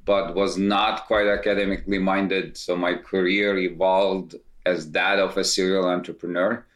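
Man from Turkey, low voice, roomy echo. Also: little pitch movement, moderate pace, fairly bright tone. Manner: explanatory, restarts phrases. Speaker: guest, company founder. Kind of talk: casual interview talk.

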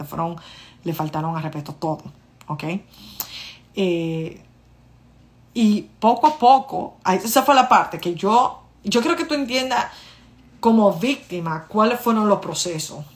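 A woman tells her own story straight to her listeners. She is animated and casual, and she acts out the back-and-forth dialogue as she goes. Her voice sits at a middle pitch. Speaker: vlogger.

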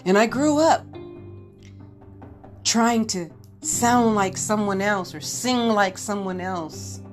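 A woman's voice: medium pitch, slow pace, faint music behind. A middle-aged woman hosting a podcast, telling a personal story in an earnest, candid and reflective way. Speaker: podcast host.

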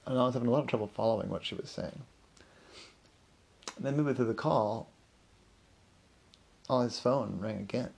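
Improvising a story as host of a story podcast, a man rambles conversationally and acts out characters' remarks with exasperation. His medium-pitched voice has vocal fry, a darkish, slightly rough tone and normal speed, broken by long pauses.

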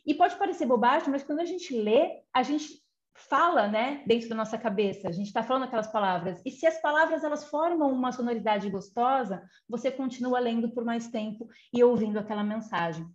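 A woman's voice: a little high, expressive, a little fast. A woman giving an informal talk on communication, explaining step by step with frequent fillers and tag questions. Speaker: communication guidance speaker. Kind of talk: informal lecture. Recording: slightly muffled lo-fi audio.

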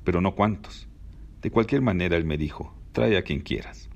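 A man's voice: sits low, normal speed, creaky, darkish tone, dull audio. A man voicing a sly, joking teenage boy, in a read-aloud novel. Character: cheeky teenage Mexican boy.

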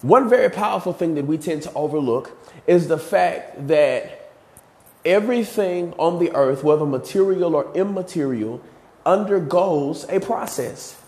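A man's voice: fairly high pitch, animated, unhurried, a little mellow. A man hosting a motivational podcast on leadership, a bit out of breath, talking earnestly in a repetitive preaching cadence with fillers. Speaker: podcast host and motivational coach.

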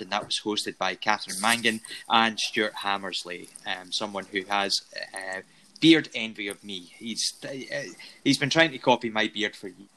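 A man's voice: fairly low pitch, pushed and bright, a little hiss or hum, low-quality recording. A Scottish man co-hosting a show in a jokey, upbeat casual chat. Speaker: podcast co-host.

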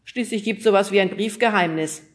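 A woman's voice: medium pitch, a little fast, pitched above the performer's own voice, lightly acted. A woman voicing a casual grown-up postman who talks in an offhand, clipped way.

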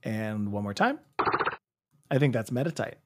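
A man's voice: on the low side, lively intonation, normal speed, background noise. A young man playing a guessing quiz and chatting casually, hesitant and playful, sometimes imitating sounds. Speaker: quiz player. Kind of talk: casual chat.

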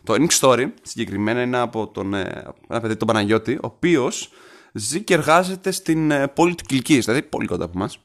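A man's voice: mid-range voice, expressive. Chatty young Greek man, podcast co-host. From northern Greece. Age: young adult. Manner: chatty, teasing, trails off and restarts. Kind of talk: casual podcast chat.

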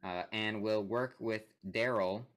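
A man's voice: lowish voice, steady tone, measured pace, fairly bright tone. A young man co-hosting a casual sports podcast, reading statements aloud with joking asides and frequent laughs. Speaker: podcast co-host.

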